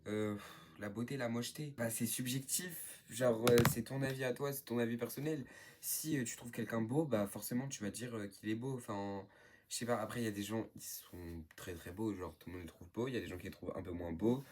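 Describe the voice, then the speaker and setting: Teen guy from northern france rambling thru a q&a vlog, kinda low voice, lots of "genre" and "euh". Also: a little fast, slight background noise. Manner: chatty, rambling, lots of fillers. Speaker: YouTuber. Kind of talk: casual Q&A vlog.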